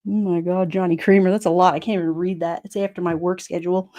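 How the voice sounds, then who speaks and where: A middle-aged woman with a New York accent, casually chatting on a livestream, sassy and quick to laugh. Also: on the low side, little pitch movement, dark tone. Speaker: livestream host reading chat. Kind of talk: casual chat.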